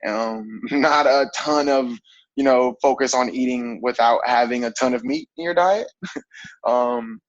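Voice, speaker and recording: A man in his thirties speaks in a relaxed, rambling way, dotting his talk with fillers and short laughs. His voice sits in an ordinary middle pitch. The recording is dry and slightly muffled. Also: unhurried, no echo. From grew up on military bases overseas. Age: 30s. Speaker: fitness coach. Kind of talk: casual interview.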